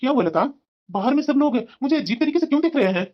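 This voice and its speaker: A woman voicing a concerned older father in a cartoon story, firm in a high voice. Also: animated, fast talker, highs cut off.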